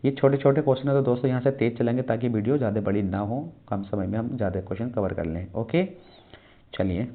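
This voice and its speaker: A man teaching an exam-prep class, putting a question to his students and then answering it himself. He reads English questions aloud slowly and mixes English terms into Hindi. His voice is mid-pitched and comes through a narrow, phone-like band. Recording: tinny phone-like sound.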